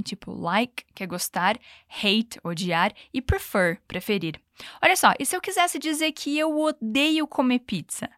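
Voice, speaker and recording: Upbeat teacher with a higher voice. She sounds playful on a dry, close mic and hosts a podcast lesson. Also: a bit bright, no room sound. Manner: upbeat, playful, switches between Portuguese and slow English examples. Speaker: English teacher and podcast host.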